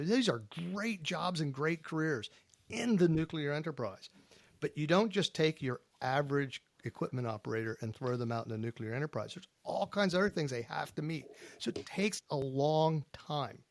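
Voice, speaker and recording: A man's voice: a little high, no room sound. A man on a panel podcast, talking in an emphatic, folksy way and posing rhetorical questions to his co-hosts. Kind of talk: casual panel discussion.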